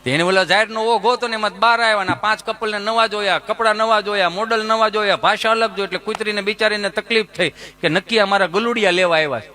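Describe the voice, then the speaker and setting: Bright-voiced comedian telling stories. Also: male voice, sits high, steady tone, quick pace, few pauses. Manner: chatty, keeps checking in with the crowd. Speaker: stand-up comedian. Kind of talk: stage comedy storytelling.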